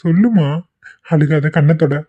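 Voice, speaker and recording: A man voicing a young husband in an amateur cartoon, gentle and coaxing as he pleads with his wife. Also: on the high side, moderate pace, husky. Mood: consoling. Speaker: voice actor. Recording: tinny phone-like recording.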